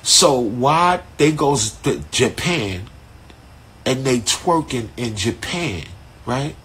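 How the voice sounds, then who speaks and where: A man, telling a story in casual street slang on a live stream from his phone, animated and profane. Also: mid-range voice, slight background noise. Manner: animated, profane, laid-back street slang with frequent "right?". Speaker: artist hosting a live stream.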